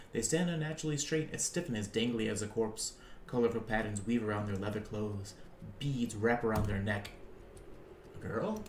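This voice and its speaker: A man reads a game's narration aloud for his stream, animated and chuckling as he goes. His voice sits at an ordinary middle pitch in a roomy, echoey space with faint ambience. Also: a little hiss or hum. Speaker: streamer reading a game aloud. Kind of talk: reading game narration aloud.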